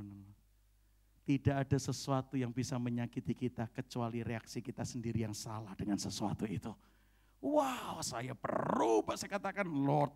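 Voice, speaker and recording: A middle-aged man, preaching a lively storytelling sermon in a church hall, often tagging his sentences with "saudara, ya" and acting out the people he quotes. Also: medium pitch, gravelly. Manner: animated storytelling, many "saudara, ya" asides, acts out quoted dialogue. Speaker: pastor.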